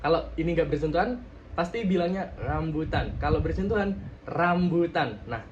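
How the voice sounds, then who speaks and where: Young man demonstrating articulation, slightly high voice. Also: lo-fi sound, background noise. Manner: drawn-out demonstration sounds, joking asides. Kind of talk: casual tutorial.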